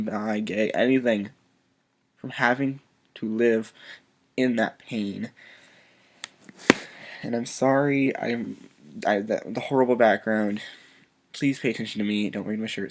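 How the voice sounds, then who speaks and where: A man vlogger speaking softly and earnestly in an emotional personal video message, halting as he fights back tears. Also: mid-range voice, breathy edge. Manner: soft-spoken.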